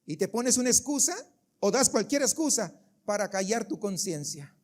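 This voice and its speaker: Preaching a sermon in church, this pastor has a man's voice pitched unusually high, and it swings widely up and down. He speaks emphatically at a moderate pace, with a slightly mellow tone, and keeps firing questions at the congregation.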